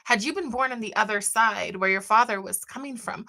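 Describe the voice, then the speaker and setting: A woman hosts an interview podcast. Her voice is bright and forceful. She leads the talk with quick affirmations and sudden, pointed follow-up questions. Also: on the high side, vocal fry. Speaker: podcast host. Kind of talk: conversational interview.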